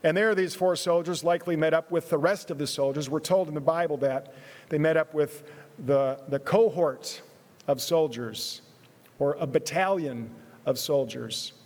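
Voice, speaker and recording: A man preaching a sermon in an earnest way, repeating words, moving between loud emphasis and hushed, quiet phrases. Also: a little high, normal speed. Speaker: pastor. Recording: long hall reverb.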